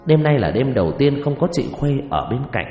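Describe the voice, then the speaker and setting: A man's voice: medium pitch, big pitch swings, a little fast, dark tone. Give me a male storyteller reading a suspenseful ghost story in a roomy, echoey recording. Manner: dramatic, suspenseful delivery. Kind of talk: scripted ghost-story narration. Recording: echoey reverb with faint music.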